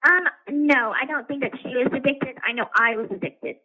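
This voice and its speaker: Over a tinny prison payphone line, a woman inmate at a correctional facility talks at normal speed in a high-pitched voice. Her speech is halting and meandering, packed with filler words.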